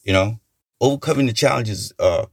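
A man's voice: mid-range voice, normal speed, vocal fry, dry recording, studio quality. A man giving an earnest, rambling motivational talk, often repeating himself and leaning on "you know" as he encourages listeners. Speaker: motivational speaker.

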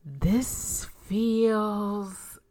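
A woman's voice: mid-range voice, extremely slow, warm tone, pitched above the performer's own voice. A woman voicing a young woman in a romance audiobook, hesitant and wry with her lover. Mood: musing.

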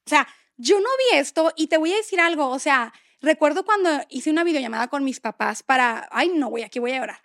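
A woman's voice: high-pitched, expressive, brisk, fairly bright tone, no echo, studio quality. A woman in her thirties with a Mexican accent, a podcast guest telling a personal story with feeling, colloquial and tearful at moments. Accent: Mexican Spanish. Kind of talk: emotional storytelling.

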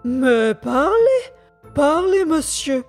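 Woman playing a male court president, stern, formal questioning, husky voice, unhurried. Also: sits high, expressive, darkish tone, soft background music, heavily acted.

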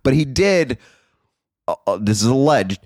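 A man hosting a podcast, telling a story in an animated, profane, chatty way. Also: mid-range voice, a little slow, no echo, clean studio sound. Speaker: podcast host. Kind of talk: casual podcast chat.

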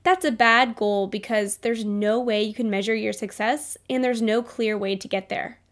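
A woman's voice: fairly high pitch, fairly even intonation, normal speed. A young adult woman hosting a solo business podcast, upbeat and motivational, her voice nasal from a cold. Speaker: podcast host.

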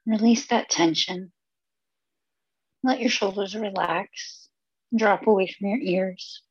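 A woman leading a guided meditation in a soft, husky voice, soothing and unhurried, with pauses between phrases. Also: mid-range voice, dry recording, muffled recording.

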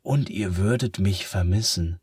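A man voicing a sad, weary sun that talks slowly and sighs, in a children's storybook. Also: sits low, a little mellow, husky, no room sound, studio quality, heavily acted. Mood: downcast, slow. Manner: slow, sighing, downcast.

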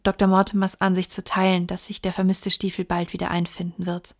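A woman reading the part of a sharp male detective in an audiobook, in a measured, lecturing way. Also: on the low side, monotone, close to an everyday voice. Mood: reasoning. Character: sharp, precise male detective explaining deductions.

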